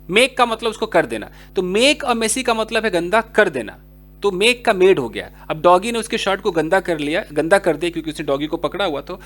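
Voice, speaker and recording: A man's voice: high-pitched, a bit bright. A man teaching English in a casual explanatory lesson, speaking to viewers directly and acting out example dialogues. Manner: chatty, addresses viewers directly.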